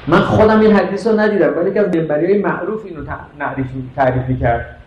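A man with a high voice preaches with passion and keeps throwing questions at the crowd. The recording is muffled and lo-fi, with a faint hiss underneath. His voice rings through a big echoing hall. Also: darkish tone. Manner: impassioned, rhetorical questions to the audience. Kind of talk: sermon.

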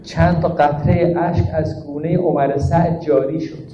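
In a dull, echoey hall, a male preacher with a fairly high, steady voice gives a sermon over some background noise. He leans on rhetorical questions, stresses each point emphatically as he teaches, and recites verses in Arabic.

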